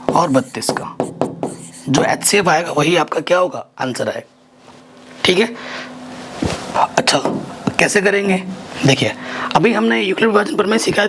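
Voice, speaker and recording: A man teaches math at a board, his voice sitting a touch high. He keeps asking his students each next step and then answers it himself. The recording carries steady background noise with the scratch of writing. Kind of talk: whiteboard math lesson.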